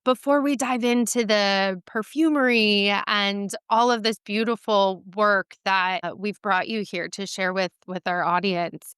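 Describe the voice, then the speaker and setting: A woman's voice: medium pitch, fairly even intonation, a little slow, few pauses, fairly bright tone, smooth, no room sound, clean studio sound. A woman hosting a podcast interview, asking questions in an enthusiastic, chatty way. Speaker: podcast host. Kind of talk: casual interview chat.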